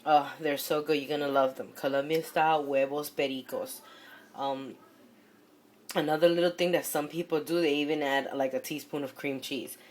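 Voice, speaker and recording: At normal speed and with a steady, low, slightly mellow voice, a home cook hosts a cooking video from her stove. The kitchen is noisy with sizzling, stirring and clinking pans, and she keeps things casual, chatty and encouraging, repeating short phrases as she goes.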